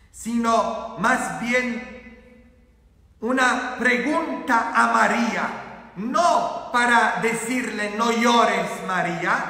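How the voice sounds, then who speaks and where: A male priest delivers a slow, playful Easter sermon in a very high, bright voice. He teases his listeners and keeps asking them questions. The sound is roomy, with a long church reverb. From Poland. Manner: lively, teasing, asks the congregation questions. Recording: echoey church from a distance.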